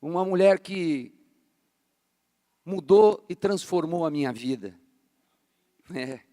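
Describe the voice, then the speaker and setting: A man's voice: on the high side, takes it slowly, dark tone. A man in his fifties, a pastor from Brazil, preaching a fervent, casual sermon in a large church hall. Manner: fervent, casual, says "cara" a lot. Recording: long hall reverb.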